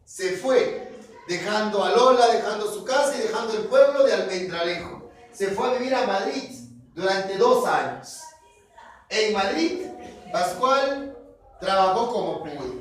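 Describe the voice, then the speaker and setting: A man's voice: sits high, animated, a little slow. A man retelling a novel as a casual lesson, dramatic and dropping joking asides. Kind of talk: casual storytelling summary with jokes. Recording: echoey room, far from mic.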